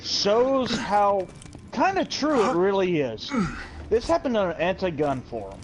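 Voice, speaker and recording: A man's voice: high voice, very animated, unhurried, slight background noise. A man chatting casually and telling stories in an emphatic, sweary way. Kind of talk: casual chat, telling anecdotes. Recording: music behind the voice. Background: music.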